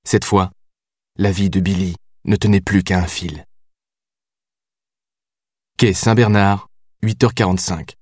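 A man reads an audiobook in a low, measured voice. The recording is dry and close, with no room sound. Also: steady tone, darkish tone, husky, no echo. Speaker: audiobook narrator. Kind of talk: scripted audiobook narration.

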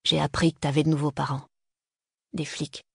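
A woman voicing a withdrawn older brother, a young man on the run who speaks in a raspy, rusty voice with curt, flat words in an audiobook. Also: a little high, normal speed, no room sound, studio quality, exaggerated voice. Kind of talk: audiobook dialogue.

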